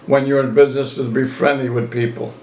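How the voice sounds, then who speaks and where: Speaking quickly and flatly, an eighties-aged man looks back on his life in a relaxed interview, repeating his phrases and quoting others in folksy storyteller fashion. His medium-pitched voice is a little mellow. Slight background noise runs through a roomy, echoey home recording.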